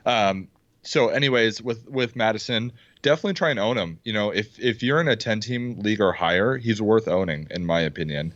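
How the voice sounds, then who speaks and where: A man co-hosting a casual fantasy football podcast over a video call, talking excitedly and pounding the table. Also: lowish voice, brisk, no room sound. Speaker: podcast co-host. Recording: dull, dry lo-fi sound.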